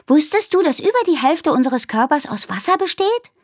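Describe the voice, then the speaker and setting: A woman reading aloud voices a young know-it-all girl who lectures in a high, easily irritated voice. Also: big pitch swings, normal speed, no room sound, clean studio sound.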